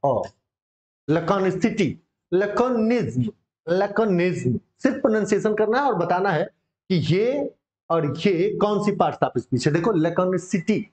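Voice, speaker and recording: A man's voice: high voice, a little mellow. A male English vocabulary teacher, drilling words with students in a casual, encouraging coaching-class manner. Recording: dull lo-fi sound.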